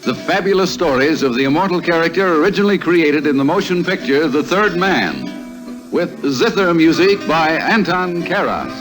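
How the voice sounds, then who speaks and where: A male announcer introduces an old-time radio show in a grand, theatrical style. His fairly high voice rises and falls widely, with music playing clearly behind him. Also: animated, normal speed, low-quality recording.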